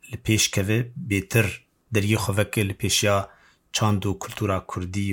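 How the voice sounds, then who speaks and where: A man interviewing a guest, with a lowish voice, asking long questions and humming agreement while she speaks. He talks in a steady, even way. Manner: steady, frequent short backchannel murmurs. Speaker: interview host.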